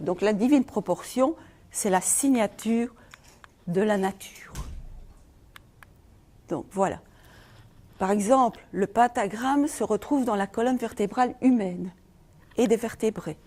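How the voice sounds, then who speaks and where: A woman's voice: medium pitch, mellow. A middle-aged Belgian woman giving a conference talk on feng shui, asking the audience rhetorical questions. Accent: Belgian French.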